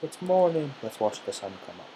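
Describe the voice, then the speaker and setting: A man's voice: medium pitch, a little fast, poor audio. Nervous teen boy narrating his gameplay. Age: teens. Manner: nervous, jittery self-talk while playing. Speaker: gamer. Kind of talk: let's play commentary. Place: room in a family home. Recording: steady background hiss.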